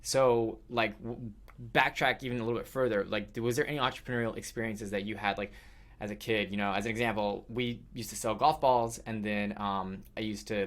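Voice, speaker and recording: A man hosting a podcast, chatting casually with his guest and using many fillers. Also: lowish voice. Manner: chatty, uses many fillers like "you know" and "like". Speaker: podcast host.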